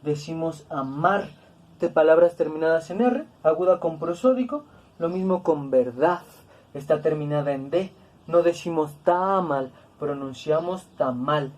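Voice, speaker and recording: A woman teaching a grammar lesson, speaking slowly and deliberately, repeating words to stress each syllable. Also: sits low, dark tone. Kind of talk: classroom-style grammar lesson.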